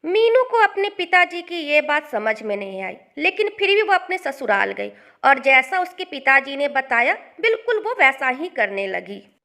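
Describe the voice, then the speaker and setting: Woman storyteller: high voice, bright, calm scripted narration. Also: measured pace.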